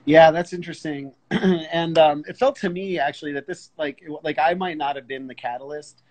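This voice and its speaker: Seated in an armchair indoors, a middle-aged man hosts a casual video-call interview with a pilot, thinking aloud as he frames his questions. His voice is on the high side, a little mellow, with a steady tone and moderate pace.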